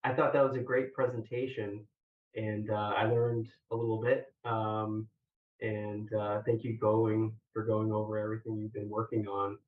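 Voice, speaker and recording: A man giving technical feedback and questions as an examiner, halting, measured and collegial, over very echoey, distant remote audio. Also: lowish voice, level tone, phone-quality sound. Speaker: examiner questioning a thesis candidate.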